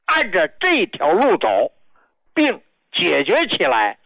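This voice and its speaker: A woman calmly explaining something, heard as if played through an AM radio from across the room. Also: on the low side, slow, muffled recording, faint music behind.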